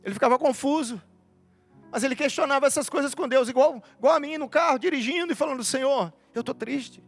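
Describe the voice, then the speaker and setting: A man preaching a sermon, his voice pitched very high for a man. He is impassioned and builds his points through emphatic repeated lists. Faint music plays behind him. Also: quick pace, fairly bright tone.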